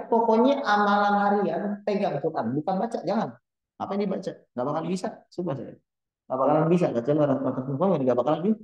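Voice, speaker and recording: A man teaching a religious study circle in a relaxed, joking way. He keeps firing short questions at his listeners and jumps up high now and then. His mellow voice echoes around a roomy hall on a slightly dull recording. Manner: keeps quizzing the audience with quick questions; jokey, animated, with sudden high bursts. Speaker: Islamic teacher leading a study gathering. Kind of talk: casual religious study talk. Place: Islamic boarding school gathering hall.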